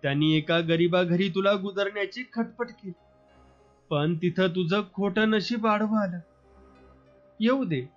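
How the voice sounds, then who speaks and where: A man voicing a hot-tempered young village man who speaks gruffly and scornfully to his sister. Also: sits high, unhurried, pauses often. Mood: angry, scornful. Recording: slightly muffled, soft background music.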